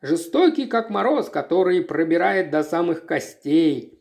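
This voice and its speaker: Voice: medium pitch, sing-song, unhurried, vocal fry, darkish tone. A reader voicing a bitter middle-aged farm wife in a read-aloud story. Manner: bitter, grave.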